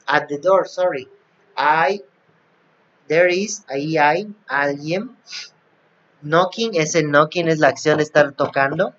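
A man's voice: on the high side, slow pace, pauses often, fairly bright tone. A male teacher recording a class for young pupils, repeating and translating each English phrase. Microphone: recording app, device not seen. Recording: dull lo-fi app recording.

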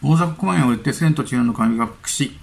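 A man's voice: mid-range voice, moderate pace, creaky. A man hosting a casual vlog from home, chatting loosely while eating and reading news items aloud with his own remarks. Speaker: channel host.

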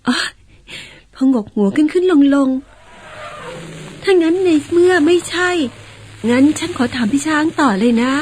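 A gentle young daughter in an old radio play, really high voice, polite, explains things patiently. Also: female voice, measured pace, pauses often, slight background noise. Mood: gentle coaxing. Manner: coaxing, polite, carefully explaining. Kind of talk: old radio drama acting.

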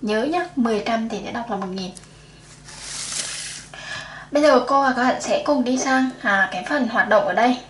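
Patient woman teacher, slightly high voice. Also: moderate pace, long pauses, echoey room, slight background noise. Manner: patient, counting aloud step by step. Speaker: primary school math teacher. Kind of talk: explaining a lesson to young children.

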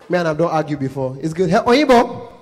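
A Nigerian man performing live stand-up, his voice sitting a touch high. He talks in an animated way, mixing Pidgin and Yoruba and jumping into loud put-on voices. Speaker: stand-up comedian. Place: live comedy show venue.

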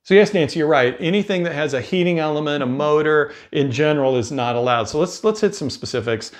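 A man in his fifties with an American accent hosts a cruise advice video, explaining things in a casual, conversational way. His voice is on the high side, fast and lively in intonation, picked up by a lapel mic in an indoor room lined with bookshelves.

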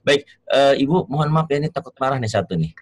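A man teaching Quran reading in an online lesson over a video call, gentle and joking as he encourages his students. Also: medium pitch, expressive, quick pace, no room sound, poor audio.

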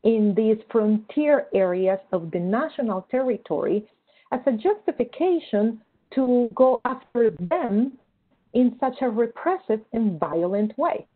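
A woman's voice: on the high side, animated, a little slow. Woman, tinny video call. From Colombia. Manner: earnest, explanatory, many fillers like "kinda like" and "right?". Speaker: guest historian. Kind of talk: academic seminar talk and Q&A.

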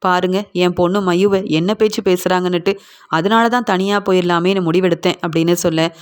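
A woman's voice: on the low side, steady tone, a little fast, clean tone, lightly acted. A woman voicing a hurt, aggrieved wife. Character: hurt younger wife defending herself and her daughter. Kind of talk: retelling a TV serial scene.

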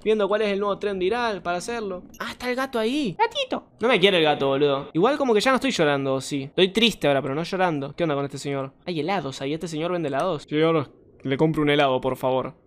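A man's voice: on the high side, expressive, fast. A young Argentine man casually commenting on a game he plays, slangy, swearing and saying "boludo" a lot. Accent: Argentine Spanish. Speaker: gaming streamer. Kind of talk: casual let's-play commentary.

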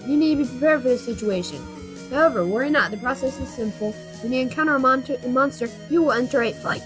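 A woman voicing a gentle, protective monster guardian from a video game in a formal, reassuring manner. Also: high-pitched, fast talker, pitched above the performer's own voice, lightly acted. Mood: formal, instructive. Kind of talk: video game dialogue read aloud. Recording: game music under the voice.

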